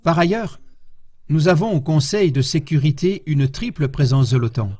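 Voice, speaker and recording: Guy giving a history lecture, kinda high voice, measured, keeps asking the crowd questions. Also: animated, mellow, breathy edge. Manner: measured, rhetorical questions to the audience. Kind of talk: public lecture addressing an audience.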